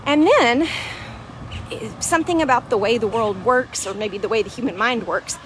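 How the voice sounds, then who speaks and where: This woman's voice runs a little high and her speed is normal as she casually explains things in a walk-and-talk vlog, peppered with "right?" and "um." She is a weight loss coach outdoors at a beach park, and her wired earphone mic, phone held at arm's length, picks up slight background noise.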